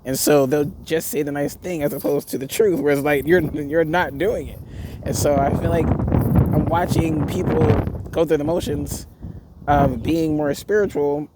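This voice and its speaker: A man's voice: a little high, steady tone, measured pace, noisy background. A man giving a reflective, rambling spiritual vlog monologue outdoors, full of fillers and restarts. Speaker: spiritual vlogger. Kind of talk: casual monologue to camera. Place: outdoors near a street with passersby.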